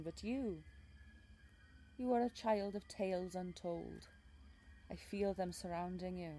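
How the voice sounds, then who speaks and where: Woman playing a mellow Welsh fae guide, mysterious and protective. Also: on the low side, lightly acted. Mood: wry, fond. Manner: lyrical, archaic phrasing, gently commanding. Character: mysterious female fae guide, protective, wry, ancient storyteller. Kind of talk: intimate scripted audio role-play.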